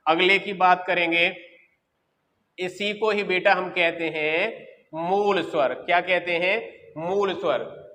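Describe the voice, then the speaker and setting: A young male teacher giving a grammar lesson, addressing the students as children and repeating each term slowly. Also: high voice, pushed and bright. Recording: long reverb, hall-like.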